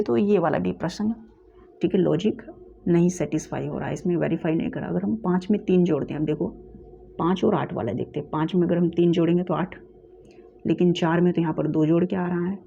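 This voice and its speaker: A man's voice: high voice, vocal fry, dark tone. A man teaching an exam-prep reasoning lesson, explaining step by step and checking in with his students after almost every point. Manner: explains step by step, keeps asking "ठीक है?". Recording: slightly dull, faint background hiss.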